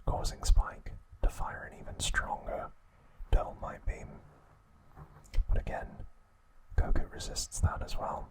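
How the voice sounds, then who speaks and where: This low-quality recording has a man whispering an episode recap ASMR-style, his breathy, voiceless delivery broken by deliberate pauses between short phrases.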